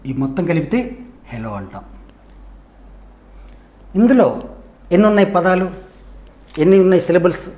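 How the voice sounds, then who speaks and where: Lively Telugu-accented male teacher. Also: sits high, normal speed, pauses often. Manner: asks questions, answers them himself, sounds out words syllable by syllable. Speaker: English teacher. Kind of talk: classroom grammar lesson.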